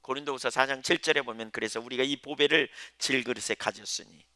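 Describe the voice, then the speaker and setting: A man's voice: mid-range voice, steady tone, fast talker, pushed and bright, no echo. A male pastor preaching a sermon in a conversational way, asking his listeners questions, letting his voice swell and then drop almost to a whisper.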